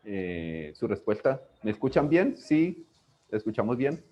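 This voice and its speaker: Hombre de voz grave en una videollamada. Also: male voice, on the low side, big pitch swings, a little slow, a little mellow. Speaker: interpreter and moderator of a study session. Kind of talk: interpreting a lecture, explanatory. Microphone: video call. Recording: dull lo-fi online call audio.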